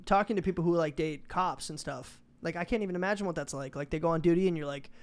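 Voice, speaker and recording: A man's voice: fairly high pitch, fast, clear, resonant tone. A man in his twenties hosting a podcast, asking questions in an easygoing, casual way. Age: 20s. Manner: easygoing, asks questions, laughs along. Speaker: podcast host. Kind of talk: casual chat.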